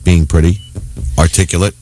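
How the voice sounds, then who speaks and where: A man's voice: low voice, fairly even intonation, normal speed, mellow, faint music behind. A man talking casually about politics as a commentator on a radio show.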